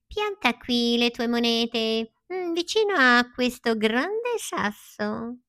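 A woman voicing a sly fox who talks in a sweet, coaxing, drawn-out voice. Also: high-pitched, big pitch swings, a bit bright, voice pushed up, heavily acted.

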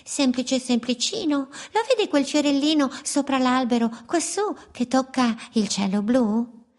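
A woman's voice: high-pitched, unhurried, darkish tone, voice pushed up. A woman voicing a pair of scruffy, teasing birds who speak in a rhyming, sing-song lilt in a storybook.

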